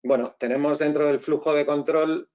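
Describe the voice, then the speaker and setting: A man's voice: a little high, fairly even intonation, moderate pace, darkish tone, dull audio. A man with a Spain Spanish accent presenting an online tech tutorial, explaining step by step and often checking in with the audience. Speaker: webinar presenter.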